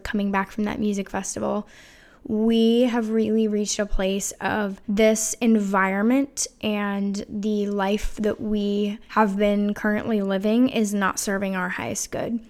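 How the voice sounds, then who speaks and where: A woman in her thirties hosting a reflective solo podcast, speaking in an earnest, confessional way with casual fillers, her voice showing emotion as she talks. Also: medium pitch. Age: 30s. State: emotional, voice wavering. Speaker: podcast host.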